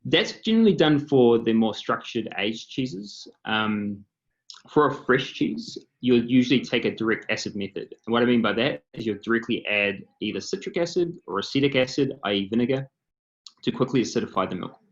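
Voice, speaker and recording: Over a computer mic on a video call, with dull audio, a founder with a New Zealand accent presents to a panel. He speaks at normal speed in an expressive, medium-pitched voice. His explanation is steady but peppered with ums and uhs.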